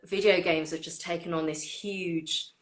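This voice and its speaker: A woman hosting a casual chat, animated and laughing often as she tells stories. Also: on the low side, unhurried. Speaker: orchestra violinist and host.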